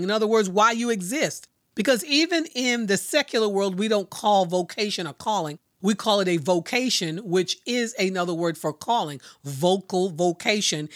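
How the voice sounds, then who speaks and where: A woman teaching a devotional podcast lesson, speaking deliberately and repeating key words for emphasis. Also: medium pitch, fairly bright tone, no room sound, studio quality.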